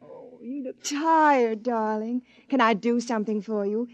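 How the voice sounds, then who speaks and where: An actress playing a doting, eager-to-please wife in a 1950s radio drama, cooing and solicitous. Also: female voice, fairly high pitch, unhurried, a little mellow, no room sound, close to an everyday voice. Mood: tender, soothing. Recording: dull dry vintage radio recording.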